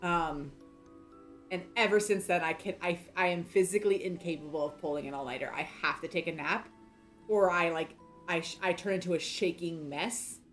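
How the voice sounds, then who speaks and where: A woman's voice: lowish voice, moderate pace, a bit bright, faint music behind. A woman in her thirties chatting casually during a game playthrough, rambling and self-deprecating, with lots of fillers and restarts. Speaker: game streamer.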